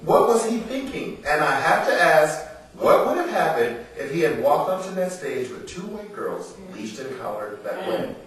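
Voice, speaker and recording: An American author gives a public book reading in an indoor literary salon, mixing the text with informal remarks to the audience. His voice is a little high, fairly bright and very animated, moving at a normal speed with few pauses as he delivers earnest, emphatic lines and rhetorical questions. A distant mic captures the roomy echo of the live venue, with faint noise.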